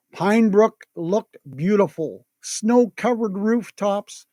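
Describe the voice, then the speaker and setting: A gentle storyteller reads a children's tale expressively. The delivery is slow, with dramatic pauses, and the sound is dry and close. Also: mid-range voice, no echo. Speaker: storyteller and meditation host.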